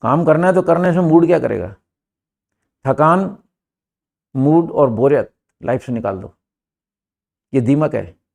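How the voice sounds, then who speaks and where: Older Indian-accented male teacher, gravelly, emphatic, rhetorical, heard from across a classroom. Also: on the high side, animated, unhurried, long pauses, darkish tone. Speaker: English teacher. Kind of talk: classroom lesson.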